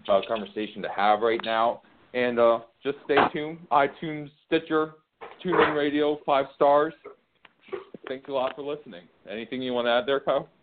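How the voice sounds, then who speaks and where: A man's voice: medium pitch, a little hiss or hum. A man co-hosting a sports talk show, hesitant and repeating words as he gives his picks. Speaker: sports radio co-host. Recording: phone-like line.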